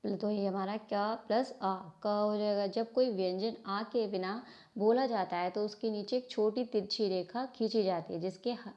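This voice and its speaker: A woman's voice: medium pitch, steady tone, a little slow, dark tone. Hindi teacher woman, self-answering questions. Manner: asks questions and answers them herself, often says okay and sorry. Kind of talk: classroom lesson explaining from a book. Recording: slightly dull lo-fi sound.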